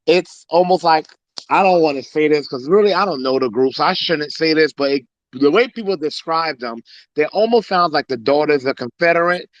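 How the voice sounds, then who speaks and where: Male caller, from south carolina, earnest, conversational, slightly high voice, muffled dry audio. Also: normal speed, dry recording. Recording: dull lo-fi call audio.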